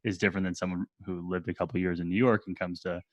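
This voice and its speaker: A man's voice: deep voice, little pitch movement, fast talker, no echo, dull audio. A man from New Jersey hosting a podcast interview, who thinks aloud and restarts a lot before he asks his questions. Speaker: podcast host. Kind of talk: casual interview conversation.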